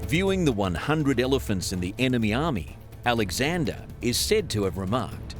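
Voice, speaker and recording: A man's voice: mid-range voice, sing-song, moderate pace, over music. A man reading scripted narration for a documentary.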